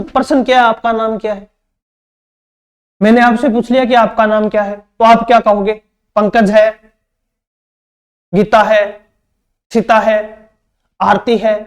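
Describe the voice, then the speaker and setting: A man teaching an exam-prep grammar lesson, repeating each phrase and asking and answering his own questions. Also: very high voice. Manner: addresses students as "beta".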